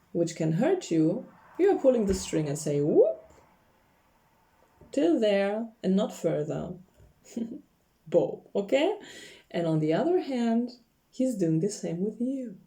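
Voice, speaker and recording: The speaker is a tarot reader from Poland, a native Polish speaker with a mellow, medium-pitched voice. She chats casually through the reading, laughing a lot and searching for words in English.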